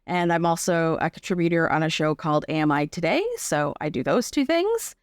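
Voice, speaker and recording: A Canadian woman, an artist and arts accessibility advocate, explains her work as an interview guest in a chatty way, often checking in with the listener. Her voice is low-pitched, clear and resonant, with lively intonation and a brisk pace, in a dry studio-quality recording.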